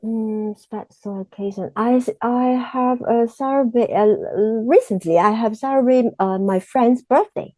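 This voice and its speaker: In a close, dry recording with no echo, a female exam candidate works through mock speaking answers. She speaks slow, halting, simple English with a Cantonese accent, often pausing to find words. Her voice is fairly high, soft, warm and mellow.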